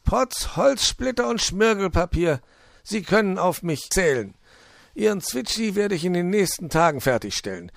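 Man putting on a high, excitable fox woodcarver. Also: normal speed, gravelly, dry recording, studio quality, full character voice. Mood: cheerful. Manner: exclaims quirky oaths, wails when hurt. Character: excitable male fox woodcarver, fussy and easily rattled.

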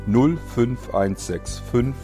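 A man's voice: mid-range voice, takes it slowly, warm tone. A man reading the closing announcement of an audio production in a plain, informative manner. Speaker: podcast announcer. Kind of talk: scripted outro. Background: music.

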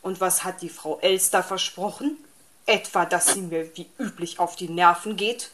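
A woman playing a grumpy lazy fox, grumbling, low-ish voice, slow storybook talk. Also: lively intonation, background noise. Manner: grumbling, irritable.

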